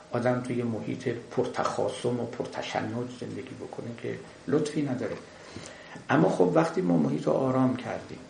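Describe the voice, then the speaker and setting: A man with a strongly gravelly, creaky voice lectures in a measured, explanatory way, pausing often to find his words. The recording is roomy and echoey, with a faint hiss of noise underneath. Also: medium pitch, darkish tone. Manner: measured, explanatory, with frequent hesitations. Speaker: lecturer on the Masnavi. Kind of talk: lecture commentary.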